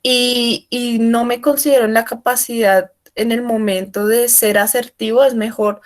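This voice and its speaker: A woman giving an online workshop, explaining loudly and often checking in with her listeners. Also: a little high, fairly even intonation, measured pace. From Colombia. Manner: explanatory, asks frequent check-in questions; speaking loudly for remote listeners. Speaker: workshop trainer. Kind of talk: online training talk.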